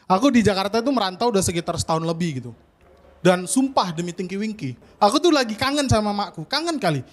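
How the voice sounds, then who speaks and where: A young man with a North Sumatran Indonesian accent performs a stand-up set. His voice sits very high, and his delivery is animated, often leaping into loud outbursts. It is told as a lively comic story. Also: fast. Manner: animated, bursts into shouts when voicing others. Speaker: stand-up comedy auditioner. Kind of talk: stand-up comedy routine.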